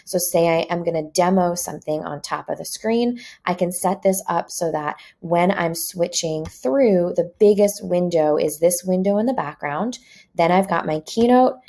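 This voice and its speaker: Brief: woman, Long Island accent, slightly low voice, brisk upbeat tutorial narrator on a computer mic. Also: mellow. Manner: brisk, upbeat step-by-step explaining. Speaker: ed tech presenter. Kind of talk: screen-recorded tutorial. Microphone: computer mic, screen recording.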